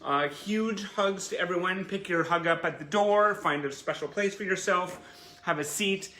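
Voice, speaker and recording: This fan livestream host speaks with a high, bright voice and a forceful tone at a moderate pace, and he's effusive, gushing and full of encouragement. He's broadcasting live online from an indoor room. The audio carries a roomy echo and a little background noise.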